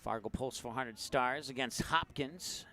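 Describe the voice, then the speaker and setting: A man calls a baseball game play-by-play in an easygoing, chatty way. He fills the gaps between pitches with stories and picks up the pace on the action. He has the hiccups. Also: unhurried, bright, forceful tone. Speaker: play-by-play announcer.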